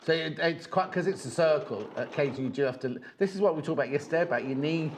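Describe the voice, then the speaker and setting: A middle-aged man presents a live shopping show from a TV craft studio, chatty and jokey, rambling between banter and sales patter during the demo. His voice is on the high side and quick, with a little hiss or hum in the audio.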